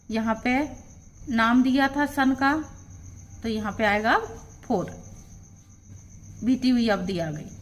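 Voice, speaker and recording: A woman teacher with a somewhat high voice works through an exam-prep grammar lesson at an unhurried pace. She explains each rule step by step and reads the example sentences aloud.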